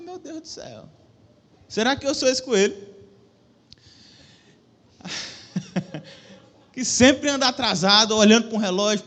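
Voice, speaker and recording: Young brazilian guy preaching, pretty high voice, chatty and jokey, mic in a church hall. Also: a bit bright. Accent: Brazilian Portuguese. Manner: chatty, joking, self-deprecating, addresses the audience with questions. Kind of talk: casual conversational sermon. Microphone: microphone with a stage monitor.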